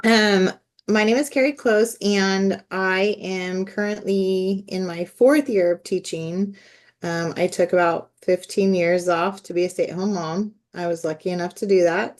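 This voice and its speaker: A woman's voice: on the low side, a little mellow. A woman from California who is losing her voice, giving a rambling, self-correcting introduction as a graduate student and teacher on a video call. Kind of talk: casual self-introduction in a group meeting.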